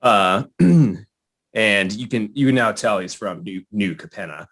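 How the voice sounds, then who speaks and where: A young man narrating as game master for a tabletop game. His voice is deep and his pace unhurried, with an easygoing, laughing manner. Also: expressive, a bit bright.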